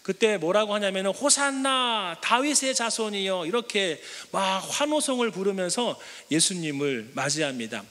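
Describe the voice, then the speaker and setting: A male pastor delivers a Sunday sermon in a noticeably high voice, preaching with animated swings and acting out voices in his story. His words ring out with a long hall reverb in a church sanctuary. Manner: animated preaching, acting out crowd cries and Jesus' imagined words.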